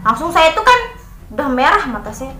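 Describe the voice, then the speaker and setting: A woman's voice: high voice, a little fast, a little hiss or hum. A young woman from Lombok, Indonesia, casually telling a story to her vlog audience and acting out the voices of the people in it. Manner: animated, acts out quoted voices. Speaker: vlogger. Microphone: phone camera. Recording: echoey room.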